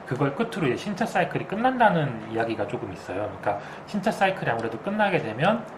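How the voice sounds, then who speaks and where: Man explaining finance over clear background hiss. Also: mid-range voice, very animated, fast. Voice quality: speaking through a face mask. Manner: explanatory, hedges his word choices. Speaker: co-host and market commentator. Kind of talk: unscripted financial commentary. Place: makeshift indoor room, not a studio. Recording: clearly noisy, air conditioner hiss.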